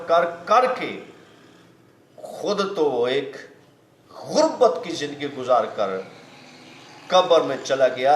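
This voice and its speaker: A man telling a moral story in an earnest, emphatic, preachy way, swearing oaths to stress that it is true. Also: fairly high pitch. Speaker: moral speaker. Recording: echoey room.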